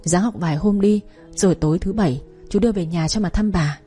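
A woman voicing a stern but caring grown man, an uncle who scolds his niece in a lowered voice. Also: brisk, mellow, faint music behind. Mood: chiding. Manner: gruff, scolding yet caring.

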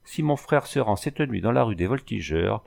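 A man's voice: on the low side, expressive, normal speed, creaky, darkish tone, exaggerated voice. A man voicing an old sorceress who speaks in solemn, cryptic riddles. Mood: oracular. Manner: solemn, oracular speech in riddles.

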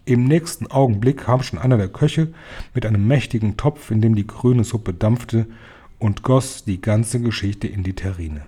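Male audiobook reader, dark husky voice, lively storytelling. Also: fairly low pitch, moderate pace. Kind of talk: scripted audiobook narration.

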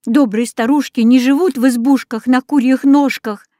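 A woman's voice: high voice, steady tone, moderate pace, mellow, no echo, studio quality, voice pushed up, lightly acted. A woman voicing a frightened little girl in a storybook reading, pleading and tearful.

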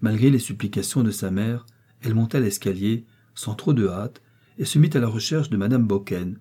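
A man narrating a classic novel as an audiobook, in a measured, even storytelling manner. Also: lowish voice, slightly rough.

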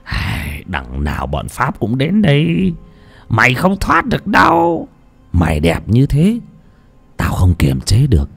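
A man voicing an old, potbellied, brutal village chief who talks in a gruff, slurred, wheezing voice. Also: wildly swooping pitch, a little slow, soft background music, full character voice. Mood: menacing. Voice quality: gruff, booming.

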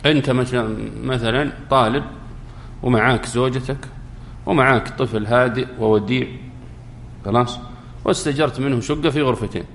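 A man with a Saudi accent teaches a class on Islamic law, his voice sitting at an ordinary middle pitch. He talks lively and conversational, tossing questions to his students and acting out everyday scenes. A faint hiss sits behind the recording. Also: fairly quick, pauses often. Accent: Saudi Arabic. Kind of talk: classroom fiqh lesson.

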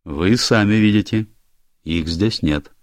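A man's voice: on the low side, takes it slowly, no room sound, clean studio sound, pitched above the performer's own voice. A man doing a curt, stern minister. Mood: commanding. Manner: curt, commanding, irritable. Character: stern older male government minister. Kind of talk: audiobook character voice.

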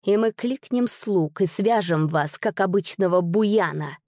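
A woman playing a stern young nobleman who speaks in firm, threatening tones, slow and controlled. Her tone stays mellow and dark, recorded dry and close. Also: mid-range voice, dry recording, close to an everyday voice.

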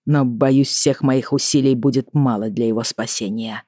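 A stern, worried middle-aged father speaks in measured, grave tones, voiced by an audiobook reader, a little raised and firm. The weariness sits under every line. The recording is dry and close, with no room sound. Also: mid-range voice, fairly even intonation, mellow, no room sound, close to an everyday voice. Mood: grave, weary. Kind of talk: audiobook character reading.

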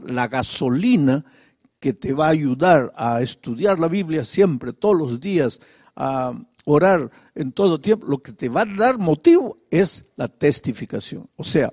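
A male pastor preaching a sermon, firing off repeated rhetorical questions and at times dropping to a soft, confiding tone. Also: mid-range voice, slightly rough, no room sound, studio quality.

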